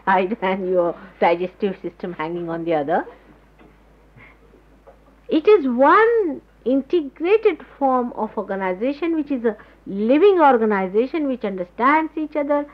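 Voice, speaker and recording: A woman giving a spiritual talk to followers, explaining patiently and pausing to search for words, on an old tape recording. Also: on the high side. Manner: explanatory, gropes for words with pauses. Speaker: spiritual teacher. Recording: dull lo-fi 1979 tape recording.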